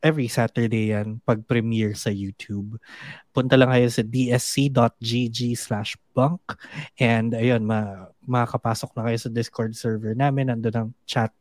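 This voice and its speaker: A man's voice: mid-range voice, steady tone, unhurried, darkish tone, no echo. A man from the Philippines hosting a casual podcast, mixing Tagalog and English and laughing often. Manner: giggly, mixes Tagalog and English. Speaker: podcast host.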